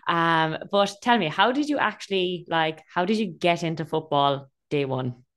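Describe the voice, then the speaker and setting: A woman's voice: fairly low pitch, moderate pace, fairly bright tone. An Irish-accented woman hosting a podcast and interviewing a guest in a conversational style. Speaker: podcast host.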